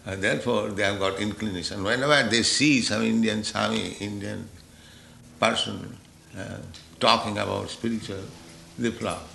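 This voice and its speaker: A man giving a philosophical spiritual lecture, deliberate and pausing, checking in with the listeners with a rhetorical "huh?". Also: on the low side, steady tone, vocal fry, pushed and bright, reverberant, slight background noise. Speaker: spiritual teacher.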